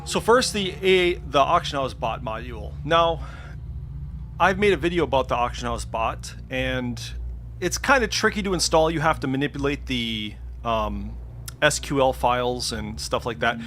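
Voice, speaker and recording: A tech video creator, indoors at his computer, does a casual, unscripted screen-share walkthrough with slight background noise. His medium-pitched voice is expressive and a bit bright at normal speed, and he's hesitant, thinking aloud, with the occasional mild swear.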